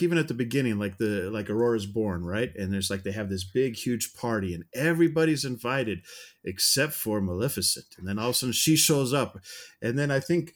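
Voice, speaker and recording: A man co-hosting a podcast, casually reviewing a film and rambling through his thoughts with many restarts and hedges. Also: fairly low pitch. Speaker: podcast co-host reviewing films.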